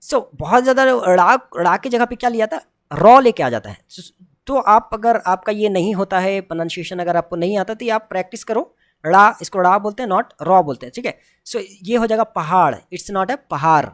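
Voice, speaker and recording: A woman teaching a pronunciation lesson to a video audience, with a voice of middling pitch. She drills each sound by repeating it slowly and contrasting the right form with the wrong one. She mixes English phrases into her explanations.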